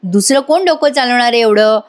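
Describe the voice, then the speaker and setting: A woman voicing a gentle, good-natured young daughter-in-law who speaks reassuringly. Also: fairly high pitch, brisk, lightly acted.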